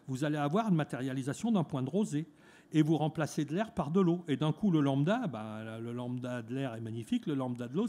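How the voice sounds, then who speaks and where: A man's voice: a little high, warm tone. A man giving a talk at a fair, speaking conversationally with frequent "hein" tags and restarts. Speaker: lecturer at a trade fair talk. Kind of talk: conference talk. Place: conference room at an eco fair.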